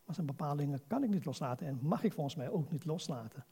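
An older man delivers a sermon in a high, gravelly voice with a husky edge. He exhorts his listeners earnestly and keeps throwing rhetorical questions at them. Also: animated, fast, warm tone. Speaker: preacher.

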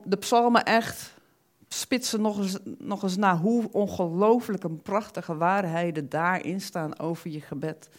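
A woman preaching a sermon in an animated way, often repeating words and acting out the thoughts she quotes. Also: medium pitch.

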